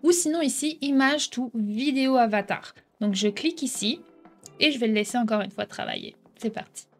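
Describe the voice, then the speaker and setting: A woman hosting a casual software tutorial, explaining step by step and checking in with the viewer often. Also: a little high, normal speed, faint music behind. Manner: chatty, explains step by step, keeps asking "d'accord?". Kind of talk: casual screen-recording tutorial.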